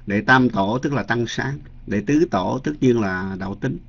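A Buddhist monk teacher tells a story during a dharma talk in a chatty way, with many fillers and repeated words. His medium-pitched voice is a little slow, creaky, with a breathy edge, captured in a dull lo-fi recording.

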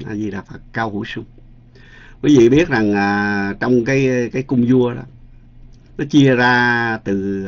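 Monk telling a dharma story. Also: male voice, mid-range voice. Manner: chatty storytelling with many fillers and repeated words. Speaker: Buddhist monk teacher. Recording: dull lo-fi recording.

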